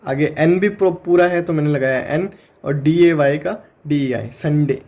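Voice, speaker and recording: Indian man, exam-prep tutor, higher-pitched voice, patient step-by-step explainer. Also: a little mellow. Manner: explains step by step, sounds words out slowly. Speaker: teacher.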